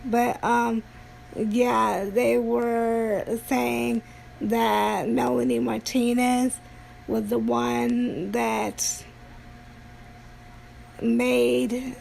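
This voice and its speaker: A woman streamer chatting casually on a livestream in a halting way, often pausing mid-sentence. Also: fairly high pitch, level tone, vocal fry, a little mellow, a little hiss or hum. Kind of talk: casual rambling livestream talk.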